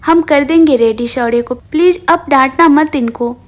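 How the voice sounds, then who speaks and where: A woman's voice: high voice, moderate pace, lightly acted. A woman doing a tearful young mother. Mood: pleading.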